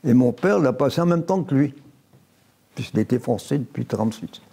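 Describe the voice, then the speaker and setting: Speaking in a medium pitch, this man in his nineties sounds animated, with a gravelly, dark voice and a breathy edge. He recalls his life slowly for an oral history interview, repeatedly restarting and self-correcting. After an early childhood in Italy, he grew up near Évian in France.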